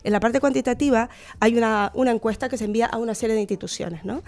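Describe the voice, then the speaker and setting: A woman's voice: on the high side, quick pace, a little mellow. A woman from Chile with a Chilean accent, a guest researcher on a radio interview, speaking thoughtfully with fillers and restarts.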